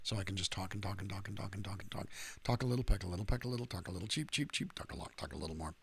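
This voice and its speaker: A man's voice: low voice, very fast, vocal fry, a bit bright, slight background noise. A middle-aged man, a singer-songwriter hosting a livestream, chatting casually in a rambling, self-deprecating, joking way.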